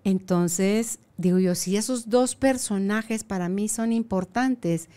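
A woman, hosting a casual conversation and telling stories in a lively, playful way. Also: medium pitch, slow pace. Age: 60s. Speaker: podcast host.

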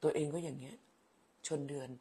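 ผู้หญิงวัยกลางคน อดีตครู คุยไลฟ์สดอ่านคอมเมนต์ผู้ชม พูดแบบแม่ๆ ชอบแซว พูดซ้ำคำ. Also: female voice, low-pitched, fairly even intonation, a little fast, dark tone, slightly rough. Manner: chatty, motherly, teasing, repeats words. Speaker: livestream host, former teacher. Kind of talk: casual live chat reading viewer comments.

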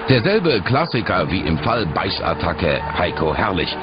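Male sports doc narrator, dramatic and lively read, slightly muffled broadcast sound. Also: deep voice, unhurried. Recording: dull broadcast audio, loud music. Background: loud music.

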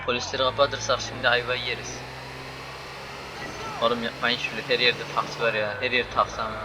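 A young man giving loud, joking commentary while playing a game, swearing and shouting at the characters on screen. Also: medium pitch, flat delivery, a little fast, background noise. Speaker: gaming YouTuber. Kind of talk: casual gameplay commentary.

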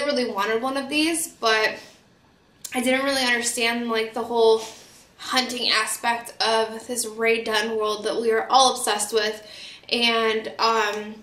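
A chatty woman with a fairly high voice, recovering from a cold and talking through a casual haul video. Her talk is loose and full of fillers. The sound is echoey, as in a roomy home studio. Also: a bit bright. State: getting over a cold. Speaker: vlogger.

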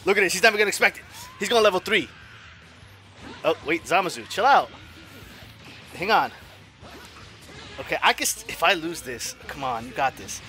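A man giving live commentary on his own fighting game match, excitable, swearing and trash-talking. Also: on the high side, normal speed, long pauses, faint music behind. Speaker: gaming streamer.

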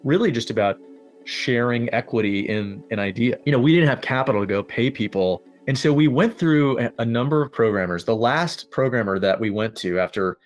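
A man's voice: mid-range voice, lively intonation, fairly quick, faint music behind. A man in his thirties answering interview questions conversationally, often saying "you know". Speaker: interview guest.

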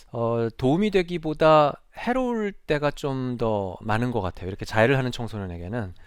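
A man lecturing to an audience as a psychiatrist, in an animated storytelling manner that keeps turning to the listeners with direct questions. His voice sits at an ordinary pitch for a man. The sound is dry and close, with no room echo. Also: clear, resonant tone. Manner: storytelling, acts out quoted speech in a raised voice. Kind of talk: public talk on stage. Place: lecture stage before an audience.

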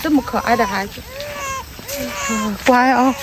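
A woman's voice: fairly high pitch, huge pitch swings, moderate pace, background noise. A woman playing a tearful young rural mother, pleading and crying. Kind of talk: rural skit acting.

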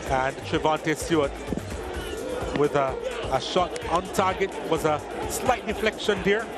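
A man giving measured football commentary over match highlights, reading lineups and stats.

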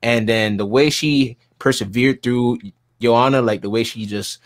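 A man with a medium pitch co-hosting a fight podcast. He lays out his opinions earnestly in a relaxed roundtable conversation. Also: unhurried. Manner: earnest, giggly when teased. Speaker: podcast co-host. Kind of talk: casual roundtable chat.

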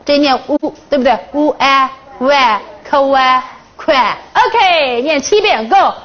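A woman teacher with a high voice runs a phonics lesson, drilling her class through counted chants and teasing questions. She speaks at an unhurried pace. The classroom recording sounds dull and lo-fi. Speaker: English teacher.

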